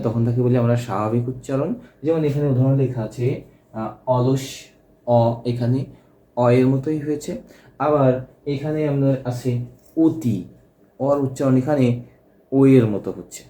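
A man's voice: mid-range voice, normal speed, pauses often, dark tone, roomy sound. A man teaching a grammar lesson, explaining step by step and checking that students follow. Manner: explanatory, repeats key points and checks with "ঠিক আছে?".

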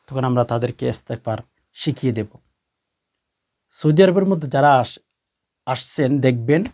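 A man with a Bangladeshi accent, giving a religious instruction talk as a preacher, with emphatic rising bursts and slow, drawn-out recitation. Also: medium pitch, darkish tone. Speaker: Islamic preacher.

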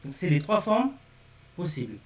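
A man's voice: high voice, sing-song, normal speed. Man, live lesson teacher, repeats each step, roomy echo, distant mic. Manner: repetitive step-by-step explaining, addresses viewers directly. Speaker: language teacher. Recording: echoey room, speaking away from the mic.

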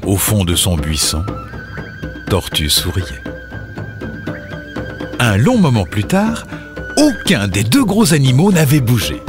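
Expressive male storybook narrator. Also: medium pitch, takes it slowly, long pauses, over music.

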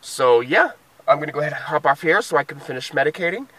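A man in his thirties vlogging a school field trip, relaxed and easily impressed, talking into a handheld camera outdoors and in a cave. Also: a little high, fast talker, rough recording. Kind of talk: casual vlog narration. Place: outdoors on a mountain and inside a cave. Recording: busy crowd noise around.

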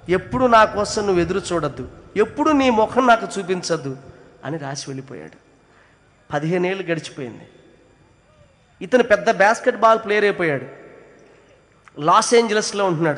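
A man tells an emotional moral story, swinging between loud emphasis and hushed narration. His voice sits fairly high. It echoes with the long reverb of a large hall. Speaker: speaker telling a moral story.

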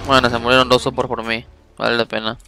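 A man commentating his own match live, cursing freely and venting at his teammates. His voice sits at an ordinary middle pitch, with faint game music in the background. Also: level tone, fast talker, pushed and bright. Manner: profane, exasperated ranting at teammates. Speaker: game streamer.

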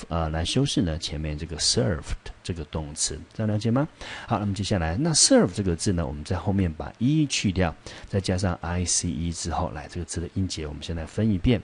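A man with a low, husky voice teaches an English vocabulary lesson. He patiently walks through English example sentences and keeps asking the class rhetorical questions to check they follow. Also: darkish tone. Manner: mixes English example sentences into Mandarin explanation.

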